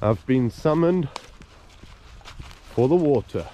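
A man talks through a camping trip in an easy, offhand way. His voice is dark and mellow. He is outdoors in a wood, on a handheld camera. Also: medium pitch, slow pace, slight background noise. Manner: relaxed, offhand commentary. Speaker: vlogger. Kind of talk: casual vlog narration. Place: woodland camp, outdoors.

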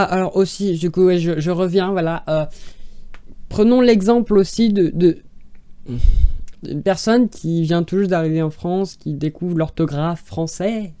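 A YouTuber tears into silly classified ads with exasperated sarcasm, rambling and restarting mid-sentence. The voice is mellow and warm in tone. It is recorded dry and close on a desk mic. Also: mid-range voice, no echo. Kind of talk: mocking commentary on screenshots.

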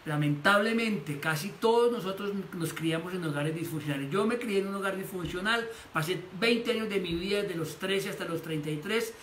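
A man's voice: sits high, moderate pace, few pauses, a bit bright. A man preaching a sermon as pastor, animatedly acting out the voices he quotes. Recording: echoey room with faint noise.

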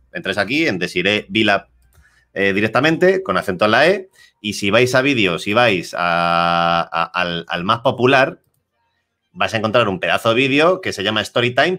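A man hosts in a lively, slangy, rambling manner. His voice sits fairly low but has a bright, forceful edge. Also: normal speed. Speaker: interviewer host. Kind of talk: casual chat.

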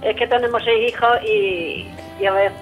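A woman's voice: fairly high pitch, steady tone, normal speed. A woman calling in over a landline phone to a live psychic show, hesitant and answering in short repeated agreements. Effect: heard over a landline phone line. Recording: narrow tinny phone line with faint music.

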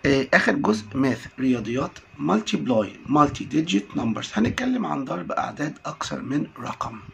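A man with an Egyptian Arabic accent, teaching an English lesson and repeating words slowly for drilling. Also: on the high side, very animated, vocal fry, a bit bright, a little hiss or hum. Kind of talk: classroom lesson recording.

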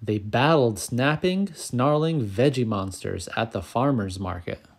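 As the channel's storyteller, a man reads a children's picture book aloud in a calm, clear, medium-pitched voice at an unhurried pace.

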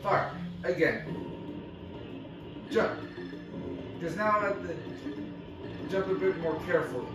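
A man with a high voice giving casual play-by-play over game music, calling out each move in short bursts. He sounds far from the mic in a very echoey room. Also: expressive, slow, long pauses. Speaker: gameplay commentator.

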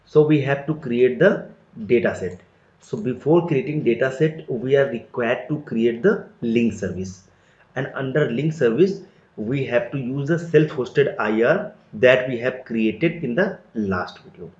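A man explains a software setup step by step in a plain, methodical tutorial voice. His voice sits at an ordinary middle pitch. The recording is roomy and somewhat dull, with typing heard on a keyboard nearby. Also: measured pace. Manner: step-by-step, plain explanatory delivery with frequent "so" and "let me". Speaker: tutorial instructor.

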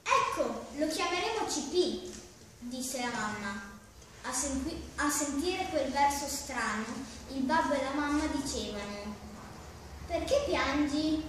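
A woman reading stories aloud with a gentle, expressive storytelling manner. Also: high-pitched, a little slow, slight background noise. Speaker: reader. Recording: very echoey room.

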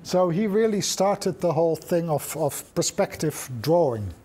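A middle-aged man giving a reflective seminar talk, thinking aloud with frequent restarts and pauses. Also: fairly high pitch, lively intonation, mellow, a little hiss or hum. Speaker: lecturer.

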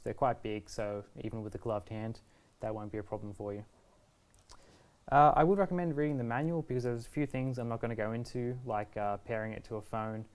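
A man in his twenties, with a lowish, darkish voice, walks through a casual step-by-step product tutorial in a reassuring, easygoing manner. He stands at a table in an indoor shop video studio.

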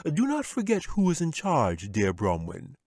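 A man voicing a smug, condescending male wizard who speaks in a smooth, commanding way. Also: mid-range voice, huge pitch swings, measured pace, a little mellow, no room sound, clean studio sound, pitched above the performer's own voice, exaggerated voice.

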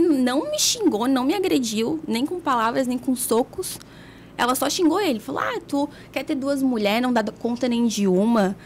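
A woman's voice: sits high, a little hiss or hum. A woman from Brazil, a podcast guest, telling a personal story in a frank, blunt way with laughs between lines. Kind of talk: candid confessional storytelling.

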